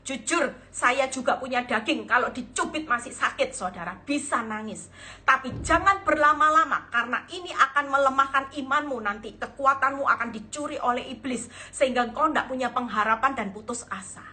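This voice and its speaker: This female evangelist's sermon, streamed live on Instagram from a phone, is emphatic, full of acted-out dialogue and addresses to saudara. She sounds high-pitched, bright and forceful, moving at a brisk pace.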